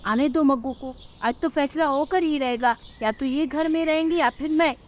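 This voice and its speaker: A woman voicing a fed-up, sharp-tongued young daughter-in-law crow in a cartoon. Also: high voice, moderate pace, lightly acted. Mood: irritated. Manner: complaining, ultimatum-giving.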